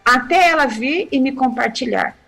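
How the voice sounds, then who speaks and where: High-voiced woman telling a parenting story. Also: normal speed, creaky, breathy edge, faint music behind. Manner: animated storytelling, acting out quotes, laughing. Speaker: missionary giving family advice on TV.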